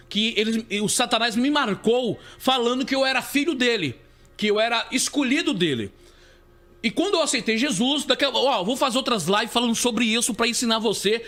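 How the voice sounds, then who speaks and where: High bright-voiced man preaching. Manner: emphatic storytelling, addresses listeners as beloved. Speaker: bishop preacher. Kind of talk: testimony sermon on a live stream.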